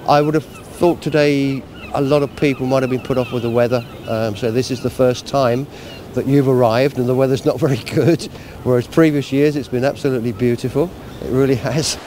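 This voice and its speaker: A man who organises a charity event, explaining it informally and in a measured way in an outdoor interview. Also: mid-range voice, fairly even intonation, a little mellow. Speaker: Lions club event organiser. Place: outdoors at a seafront. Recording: outdoor street and traffic noise.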